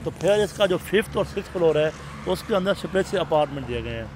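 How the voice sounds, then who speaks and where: A Pakistani Urdu-accented man with a fairly high voice walks through floors, rates and payment plans in a steady, businesslike way. He is standing outdoors on a lapel mic. Soft street sound and passing traffic sit faintly behind him. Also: quick pace, rough recording. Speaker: property agent. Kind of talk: explaining details to an interviewer.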